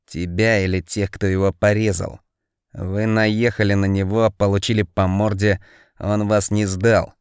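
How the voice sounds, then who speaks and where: A male reader gives voice to a dangerous, unhinged convict in an audiobook. The voice sits low and quiet, each threat laid out slowly. The recording is dry and close. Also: flat delivery, smooth, no room sound. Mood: menacing. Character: sinister convict enforcer, menacing calm man.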